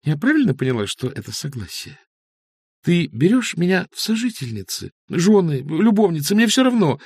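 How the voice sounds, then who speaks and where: A man's voice: a little high, very animated, normal speed, a little mellow, slightly rough, no room sound, pitched above the performer's own voice, heavily acted. A male reader voicing a playful, lovestruck woman who teases and orders her man about, in an audiobook. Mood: teasing. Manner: teasing, bossy. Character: lively playful woman in love.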